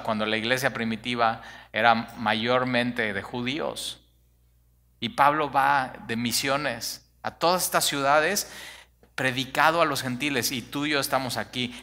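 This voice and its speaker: A man preaching a sermon, animated and conversational, full of rhetorical questions. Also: medium pitch. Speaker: pastor.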